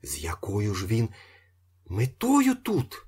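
A nervous, pleading woman who presses her questions urgently and almost breathlessly, as a male narrator voices her. The husky voice rises and falls widely in pitch. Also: wildly swooping pitch, slow, darkish tone, heavily acted. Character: anxious, pleading middle-aged woman.

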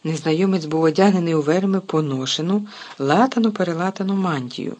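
A reader narrating a storybook in a steady, even way with a husky voice. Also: mid-range voice, a little fast. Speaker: audiobook narrator.

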